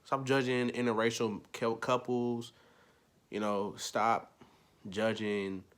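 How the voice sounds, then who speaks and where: Speaking slowly and flatly, a young vlogger gives a rambling opinion rant directly to the camera. He says things more than once, dropping into low mumbles and then rising into loud, emphatic outbursts.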